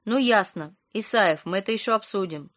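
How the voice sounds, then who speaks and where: A woman's voice: mid-range voice, normal speed, lightly acted. A brusque, self-important middle-aged doctor, read by a woman narrator in an audiobook, barely changed from her own voice. He clips his words short and dismissive. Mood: curt. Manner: curt, brusque.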